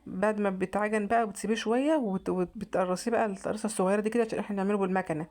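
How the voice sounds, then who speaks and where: Egyptian woman vlogger, very quick, chatty home-cooking voice-over, trips over her words. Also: medium pitch, fairly even intonation, darkish tone. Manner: chatty, repeats and restarts often. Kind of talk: casual cooking narration.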